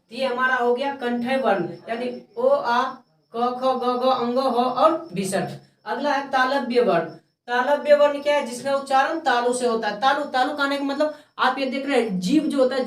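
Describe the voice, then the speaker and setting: A woman teacher with a high voice walks through a grammar lesson, repeating each term and quizzing herself aloud. She sounds set back from the mic in an echoey room. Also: recorded from a distance.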